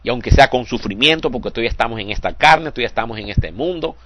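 Give me an older man preaching a fervent sermon, mid-pitched and dry. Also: expressive, very fast, no room sound. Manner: fervent, repeats "hermanos santos" with a soft drop at phrase ends; stumbles and repeats words when moved.

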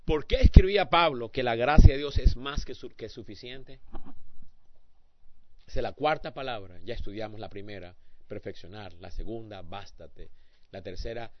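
A man preaching a sermon who swings between hushed asides and loud, emphatic appeals to the congregation. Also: mid-range voice, moderate pace. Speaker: pastor. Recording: dull lo-fi sound.

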